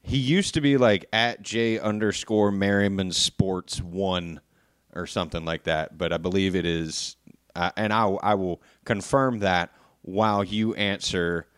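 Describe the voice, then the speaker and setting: Man, lowish voice, podcast co-host, playful, upbeat, dry close sound. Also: steady tone, clean tone, no echo. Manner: upbeat, playful, quick asides. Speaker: podcast co-host reading fan questions. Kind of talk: casual podcast chat.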